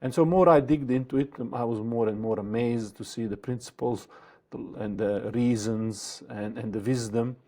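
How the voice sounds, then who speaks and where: This Bosnian man is an interview guest who answers thoughtfully but haltingly, with many fillers and restarts. His voice is medium in pitch and warm in tone.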